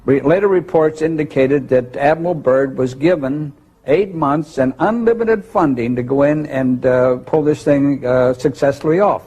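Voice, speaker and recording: Man, husky, mellow tone, hesitant, filler-heavy speech. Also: on the high side, normal speed, poor audio.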